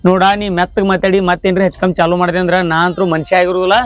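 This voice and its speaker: An actor playing a stern elder brother who lent money, speaking with a North Karnataka accent in a threatening way. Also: male voice, high-pitched, flat delivery, racing, lightly acted. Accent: North Karnataka Kannada. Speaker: angry elder brother in a village drama. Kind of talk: short-film acting. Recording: slightly dull audio, faint music.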